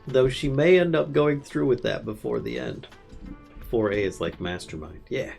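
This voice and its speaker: A man's voice: medium pitch, moderate pace, vocal fry, darkish tone, soft background music. A man live-streaming a modded game, chatting casually, teasing his co-player and laughing often. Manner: playful teasing, laughs often, thinks aloud.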